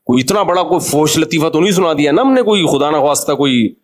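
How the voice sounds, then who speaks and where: A man delivers a light, humorous religious talk. He chats and jokes with his listeners rather than preaching at them. His voice sits fairly high for a man. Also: expressive. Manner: chatty and joking, addresses listeners directly. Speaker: Islamic cleric giving a talk. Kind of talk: humorous conversational sermon.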